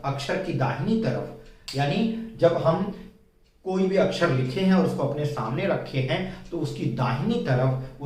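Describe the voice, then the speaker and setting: A man teaching a Hindi spelling lesson, explaining slowly and repeating his key points with patience. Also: on the high side, darkish tone, a little hiss or hum. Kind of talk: whiteboard grammar lesson. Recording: very echoey room, mic at a distance.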